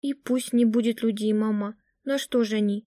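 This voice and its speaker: A woman reading an audiobook gives voice to a detached young woman who talks in a flat, unwilling monotone. The voice sits a little high and sounds mellow, recorded dry and close. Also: normal speed, no echo, natural voice. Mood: flat indifferent.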